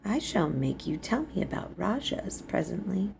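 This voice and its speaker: A woman's voice: lowish voice, very animated, moderate pace, gravelly, darkish tone, muffled recording, a little hiss or hum, heavily acted. A woman voicing an imperious young invalid boy with a commanding, grand manner in a storybook reading. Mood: curious.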